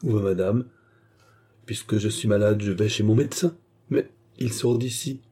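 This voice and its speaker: A timid, sly young maid who talks in a hushed, hesitant voice, read by a man. The tone stays low, dark and husky, as in a storybook reading. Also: normal speed.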